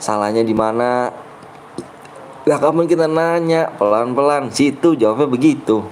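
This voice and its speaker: A man's voice: medium pitch, normal speed, a little mellow, slight background noise. A young man with a Betawi accent streaming a game, grumbling and bickering with his chat in slangy casual talk. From Jakarta, Indonesia.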